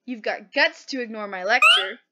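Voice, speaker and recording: A woman's voice: a little high, wildly swooping pitch, normal speed, heavy background noise. A woman reading as a stern male math teacher. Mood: scolding. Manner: stern, lecturing.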